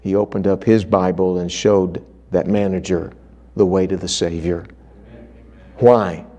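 A man's voice: sits low, little pitch movement, unhurried, mellow. A man preaching at a revival meeting in a church, telling a story dramatically and acting out the quotes. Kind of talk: sermon storytelling.

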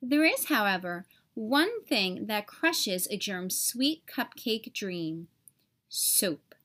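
Her pitch sits in the middle range as she performs a kids' picture book, deliberate in pace, full of expression, and heavy on theatrical stress.

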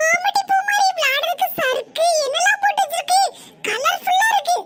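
A woman's voice: very high voice, brisk, background noise, pitched above the performer's own voice. A woman voicing a mischievous little girl who whines and pleads, with a Kanyakumari Tamil accent. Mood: delighted. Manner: whining and pleading.

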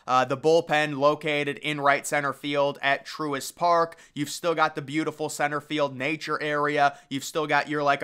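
Bright, clear-voiced young man giving opinions. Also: a little high. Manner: casual, opinionated, thinking aloud. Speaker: baseball stadium commentator. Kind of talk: opinionated voice-over commentary.

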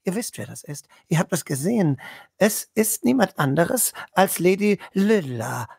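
A woman's voice: fairly low pitch, sing-song, a little slow, gravelly, a little mellow, breathy edge. Woman game master, plain storyteller voice, describes scenes with light hesitations. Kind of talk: narrating a tabletop role-play.

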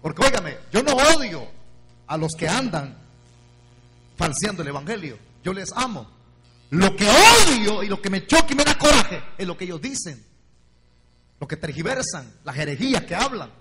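A man preaching an evangelical sermon, passionately alternating quiet asides with shouts and calling listeners brother. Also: sits high, big pitch swings, moderate pace, long pauses. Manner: impassioned, swings from quiet asides to shouted exclamations; keeps addressing listeners as "hermano". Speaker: pastor. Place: church or meeting hall. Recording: long hall reverb, faint hum.

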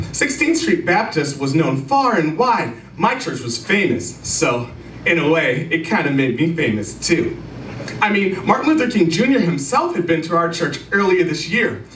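A man in his thirties performing a spoken word slam poem on a small indoor stage at a stand mic, leaping into a high girlish voice and dropping low and slow. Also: a bit bright, a little hiss or hum. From Arizona. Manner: dramatic, leaps high for a girl's voice then drops low and slow. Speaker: slam poet. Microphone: stand mic, filmed from a distant camera. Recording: roomy, distant sound from a far camera.

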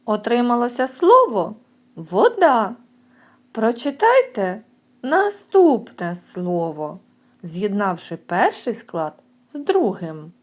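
Woman teacher, preschool lesson, lively pitch, unhurried, clearly sounded words. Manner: slow, clear, drawn-out sounds for children. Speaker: kindergarten teacher.

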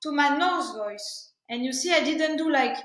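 A woman's voice: sits high, fairly bright tone, reverberant, rough recording. Woman teaching singing. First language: French. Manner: halting, searching for words, demonstrates with sung syllables. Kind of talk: online singing workshop.

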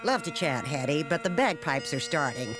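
Dry old cartoon farm woman, lowish voice, tart and no-nonsense, music behind. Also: lively intonation, moderate pace. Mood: brisk. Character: brisk, dry, unsentimental elderly farm woman. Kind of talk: animated series voice acting.

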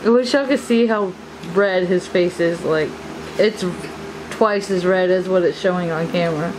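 A woman's voice: on the low side, moderate pace. A woman giving casual, encouraging commentary for a home vlog from behind the camera. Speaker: off-camera host filming. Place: home dining room, indoors. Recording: noisy room with air conditioning hum.

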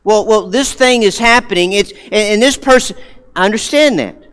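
A man preaching a sermon in a church, emphatic, repeating key words and moving between loud and hushed delivery. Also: high voice, normal speed, clean tone. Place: church sanctuary. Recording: long hall reverb.

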